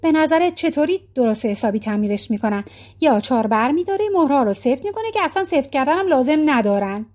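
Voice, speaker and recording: A woman's voice: high-pitched, animated, darkish tone. A woman reading a storybook voicing an impatient middle-aged husband who keeps asking pointed questions. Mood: exasperated.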